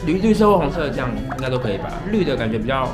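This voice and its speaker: A man's voice: mid-range voice, sing-song, very fast. Laughing man with Taiwanese Mandarin. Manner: chatty, laughs often, cheers loudly. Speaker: travel vlog co-host. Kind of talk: casual food vlog chat. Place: small seafood buffet restaurant, indoors. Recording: loud background music.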